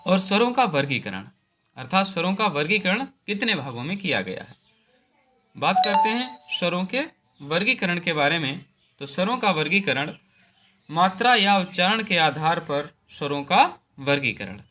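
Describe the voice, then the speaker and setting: A man's voice: high-pitched, sing-song, normal speed, sharp tone, soft background music. A man teaching a Hindi grammar lesson, repeating each point and drawing out the vowel sounds.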